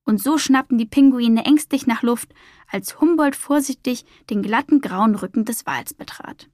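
Female children's storyteller, gentle and expressive, fairly high voice, dry sound. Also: moderate pace, no room sound. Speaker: storyteller, podcast host.

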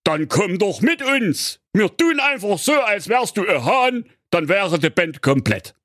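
A man's voice: sits high, big pitch swings, measured pace, fairly bright tone, dry recording, clean studio sound, heavily acted. A man playing a bossy, hot-tempered male donkey who leads a band in a comedic radio play. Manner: bossy, blustering.

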